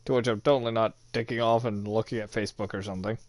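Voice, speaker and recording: A man's voice: on the low side, fairly even intonation, racing, darkish tone, no room sound. A man hosting a chat show, telling a casual story, swearing freely and laughing at his own jokes. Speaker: host.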